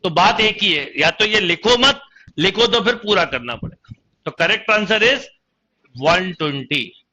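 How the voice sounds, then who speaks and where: A man's voice: high-pitched, lively intonation, a little slow, sharp tone. A young man with a Hindi accent teaching math in an online coaching lecture, calling students "beta" and counting through each step aloud. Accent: Indian Hindi.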